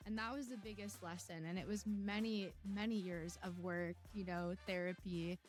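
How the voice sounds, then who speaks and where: A woman's voice: medium pitch, steady tone, normal speed, soft background music. A woman telling her personal story in conversation as a podcast guest, candid and introspective. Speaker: podcast guest, health marketer.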